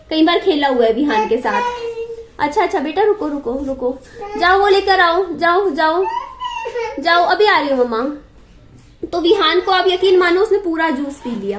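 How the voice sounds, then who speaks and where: A young woman with a high voice tells a rambling everyday story to her viewers. She talks in a chatty way and circles back to repeat her points. The room around her is echoey. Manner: chatty, repeats herself, asides to her child. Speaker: vlogger. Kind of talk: casual storytelling to camera.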